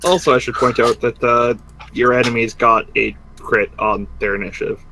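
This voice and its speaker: A man's voice: mid-range voice, steady tone, moderate pace, bright, forceful tone, a little hiss or hum, low-quality recording. A man running a tabletop game as game master in a group voice chat, informal and thinking aloud.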